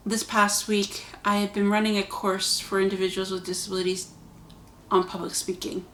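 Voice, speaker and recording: A woman's voice: medium pitch, flat delivery, moderate pace, fairly bright tone, slight background noise. Earnest woman vlogger in an echoey room. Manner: conversational, earnest, chatty asides. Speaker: vlog host. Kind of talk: casual spoken reflection to camera.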